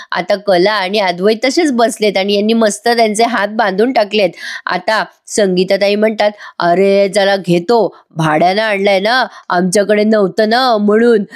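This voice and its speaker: Marathi woman retelling a TV episode. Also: medium pitch. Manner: retells scenes, reading each character's lines with light expression. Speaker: TV serial reviewer.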